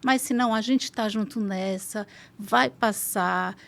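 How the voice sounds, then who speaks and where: A woman speaks with a Brazilian Portuguese accent and a voice of middling pitch. She is a pediatric specialist on a podcast, explaining in a measured, clinical way. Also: gravelly, a bit bright. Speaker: pediatric gastroenterologist guest. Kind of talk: podcast interview.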